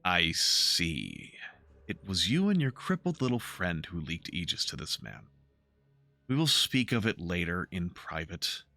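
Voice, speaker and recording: A man voicing a cold, stern aristocratic father in a video game, speaking slowly in a low, clipped tone. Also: wildly swooping pitch, vocal fry, bright, forceful tone, full character voice. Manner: slow, clipped and icy.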